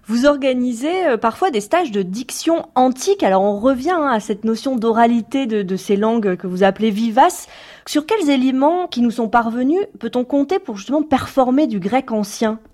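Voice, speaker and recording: A woman interviewing a guest on the radio, asking measured questions with small hesitations. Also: fairly high pitch, lively intonation, a little mellow.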